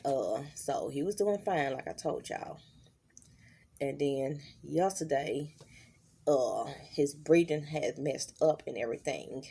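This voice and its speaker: A middle-aged woman, talking in a halting, worried diary vlog and holding back tears. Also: extremely low pitch, mellow, slightly rough. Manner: halting, many fillers and restarts. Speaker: vlogger.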